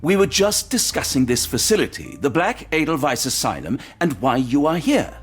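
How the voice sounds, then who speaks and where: A man playing an earnest, weary English doctor in a video game, polite and measured with a dry, wry streak. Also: on the high side, big pitch swings, breathy edge, soft background music. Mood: wry exasperation.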